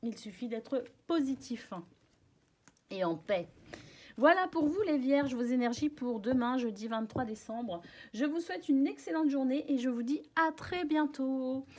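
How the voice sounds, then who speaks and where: A woman with a fairly high voice lays out tarot cards and talks her viewers through them in a casual way. She stops and restarts often and fills pauses with small hesitations. Her tone stays soft and reassuring. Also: a little hiss or hum. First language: French. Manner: chatty, hesitant, many fillers and restarts. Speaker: tarot card reader.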